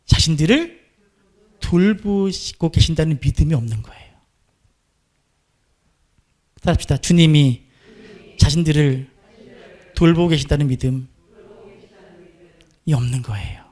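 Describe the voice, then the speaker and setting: A man's voice: a little high, moderate pace, pauses often, darkish tone. A middle-aged man preaching a sermon, putting questions to the congregation and answering them himself in a dramatic, conversational way. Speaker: pastor.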